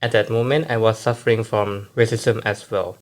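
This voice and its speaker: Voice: mid-range voice, fairly even intonation, normal speed. A young student from Thailand on a podcast, speaking plainly from prepared remarks. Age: young adult. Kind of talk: scripted podcast talk.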